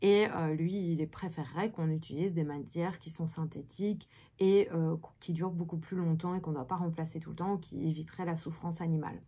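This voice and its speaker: Chatty low-voiced woman in her thirties. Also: steady tone, fairly quick, warm tone. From Belgium. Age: 30s. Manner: chatty, many fillers. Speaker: actress vlogger. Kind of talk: casual daily vlog.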